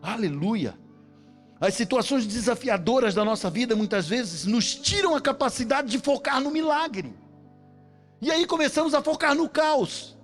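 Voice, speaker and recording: A man with a Brazilian Portuguese accent preaching a sermon, telling a story and acting out the voices of its characters, building up to shouts. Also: very high voice, lively intonation, moderate pace, soft background music. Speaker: pastor.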